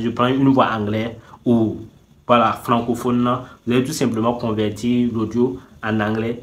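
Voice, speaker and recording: A man at a middle pitch gives a relaxed, chatty walkthrough of a website. He narrates each click as he goes and keeps falling back on the same filler phrase. Now and then he turns to his viewers with playful nudges. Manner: repeats "tout simplement" constantly; talks straight to viewers, teasing them to subscribe. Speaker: YouTube tutorial host. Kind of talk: casual screen-recording tutorial.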